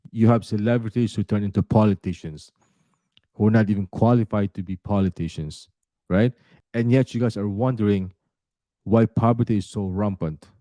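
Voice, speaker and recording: A man's voice: fairly low pitch, dark tone, no echo. A middle-aged man born in the Philippines, a realtor speaking earnestly and directly to his viewers, with frequent "uh" fillers. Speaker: realtor and YouTuber. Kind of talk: talking to camera.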